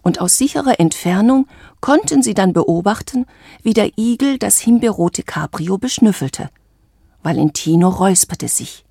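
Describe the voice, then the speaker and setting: A woman reading a children's storybook aloud in a calm, measured, clear manner. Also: mid-range voice, dry recording, studio quality.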